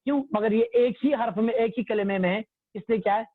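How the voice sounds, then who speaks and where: A high-pitched tajweed teacher quizzes his online religious class in a patient, repetitive way. The recording is dry, with tinny phone audio from a phone or computer mic on a video call.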